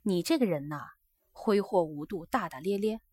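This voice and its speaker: Woman doing a young geisha, pleading and pushy, voice lifted higher and louder than the narration, dry sound with no room in it. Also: animated, moderate pace, dry recording, lightly acted. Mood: earnest. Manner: earnest, coaxing and insistent.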